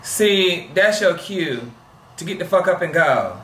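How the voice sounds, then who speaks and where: A young man hosting a movie reaction video, loud and dramatic, swearing and shrieking at the screen. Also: sits high, very animated, a little slow, echoey room, distant mic, a little hiss or hum.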